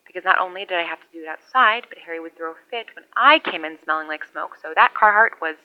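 An actress playing a lone, wry survivor rambling into a CB radio years after the collapse. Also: female voice, on the low side, fast. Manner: rambling, wry, conversational monologue. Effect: over a CB radio. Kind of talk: audio drama radio log. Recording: muffled lo-fi radio sound.

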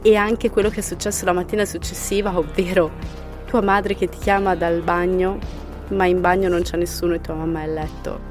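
Female podcast host, lower voice, reads spooky stories with whispered moments and animated reactions. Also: fairly quick, faint music behind. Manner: animated reactions, laughing, dropping to whispers for eerie parts. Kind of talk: reading listener horror stories.

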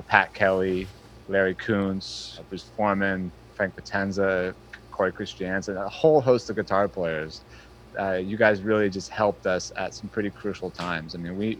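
Lowish-voiced guy interviewing a fellow musician, earnest, lots of ums and restarts. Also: fairly even intonation, normal speed, a little hiss or hum, poor audio. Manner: earnest, appreciative, with frequent fillers and restarts. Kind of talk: casual interview chat.

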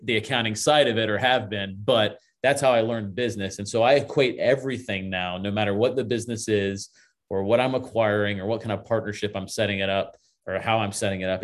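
A man in his forties from Florida, telling his story as a guest in a casual interview, chatty and upbeat. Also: on the low side. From Florida, USA. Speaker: guest, real estate investor.

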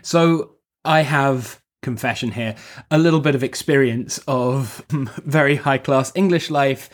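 A man co-hosting a book podcast, relaxed and thoughtful, sharing personal anecdotes. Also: medium pitch, unhurried. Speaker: podcast co-host. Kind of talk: casual book discussion.

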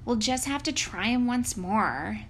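A woman plays a young storybook princess in a cartoon princess manner. She speaks sweetly and artfully, coaxing with unhurried words. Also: on the high side, animated, a bit bright, exaggerated voice.

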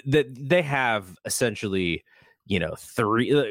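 A man's voice: medium pitch, animated, unhurried, a bit bright, no room sound. An easygoing man with a mid-range voice talking baseball on a podcast. He hesitates and fills gaps with uh and you know. The recording is dry and close. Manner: easygoing, hesitant, many fillers, laughs often. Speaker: podcast co-host. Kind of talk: casual sports chat.

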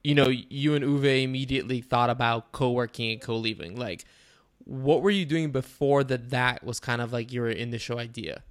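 A man's voice: mid-range voice, moderate pace. A man hosting a podcast interview, upbeat and chatty with some fillers. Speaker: podcast host. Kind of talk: casual interview.

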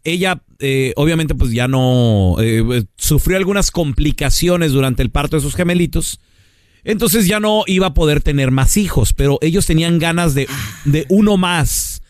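A man's voice: on the high side, normal speed, clear, resonant tone, no echo, clean studio sound. A man with a Mexican accent hosting a comedy radio show, telling a story in a playful, slangy way.

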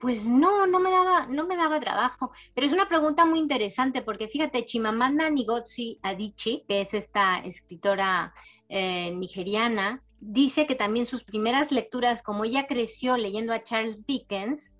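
A middle-aged woman whose accent blends Spain and Latin America, answering an interviewer in a thoughtful, storytelling way. Her voice sits a little high for a woman. The audio is slightly dull and lo-fi. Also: normal speed. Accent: mixed Latin American and Spanish. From Spain, raised in Panama. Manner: warm storytelling, thoughtful, frequent tag questions. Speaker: writer, interview guest.

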